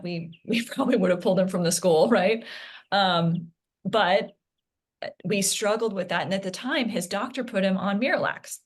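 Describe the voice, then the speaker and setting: Earnest mother telling her story. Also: medium pitch. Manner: earnest, halting, many fillers and restarts. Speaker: parent telling her son's story as interview guest. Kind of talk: candid interview conversation.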